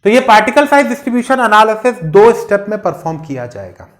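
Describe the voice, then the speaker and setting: A man's voice: high voice, sing-song, fast talker, a bit bright. Man tutoring, rhetorical questions, patient lecture. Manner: explains with rhetorical questions, mixing English terms. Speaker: engineering exam tutor. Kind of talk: casual classroom lecture.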